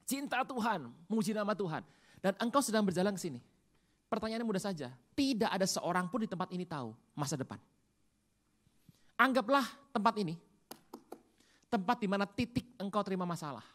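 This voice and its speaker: Animated pastor, joking sermon style, big loud-to-hushed swings. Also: brisk, pauses often. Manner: animated, joking, lots of rhetorical questions; swings from loud outbursts to hushed low asides.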